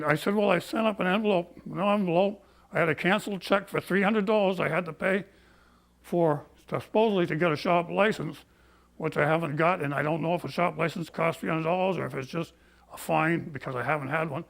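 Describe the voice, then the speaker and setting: Breathless older man, high creaky voice. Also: brisk, a bit bright. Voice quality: breathless from COPD. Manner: folksy, plain-spoken, indignant. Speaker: barber. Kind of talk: personal storytelling, complaint.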